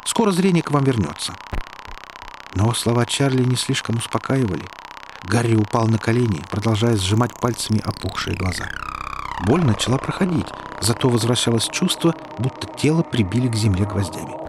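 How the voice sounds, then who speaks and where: A man narrating an audiobook in an even, measured storytelling manner, over a steady background hiss. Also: fairly low pitch.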